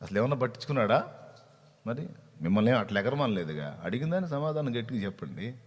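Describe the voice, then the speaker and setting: A man preaching a sermon with an animated manner, asking the congregation questions and urging them to answer out loud. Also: medium pitch, quick pace, husky. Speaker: pastor. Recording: reverberant hall.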